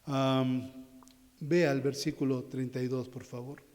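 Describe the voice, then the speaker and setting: Pastor preaching in an echoing church. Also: male voice, level tone, measured pace, darkish tone. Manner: addresses the congregation as brothers, rising in pitch and force as he presses his point. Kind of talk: sermon. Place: church sanctuary. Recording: long church reverb.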